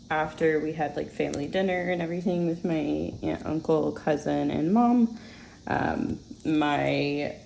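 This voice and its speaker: Young woman planner vlogger, low and gravelly, unhurried chatty voice-over, faint hiss behind. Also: poor audio. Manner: chatty, relaxed, many fillers and soft laughs. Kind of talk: casual voice-over while decorating a planner.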